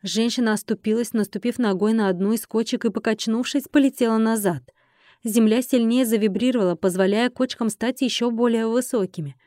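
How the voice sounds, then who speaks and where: Woman narrator, fairly high voice, expressive first-person read, dry close mic. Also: brisk, dry recording. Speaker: audiobook narrator.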